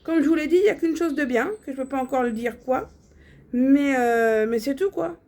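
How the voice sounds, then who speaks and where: A young woman vlogger talks casually and bluntly to her viewers in a personal monologue, full of fillers and restarts. Her high voice is warm and moves at a normal speed.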